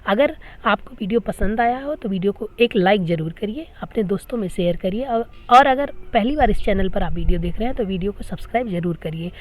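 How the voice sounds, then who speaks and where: A woman's voice: mid-range voice, a little fast, hardly any pauses. A woman teacher explaining grammar to school students, patiently repeating each question before giving the answer. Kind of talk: classroom grammar lesson.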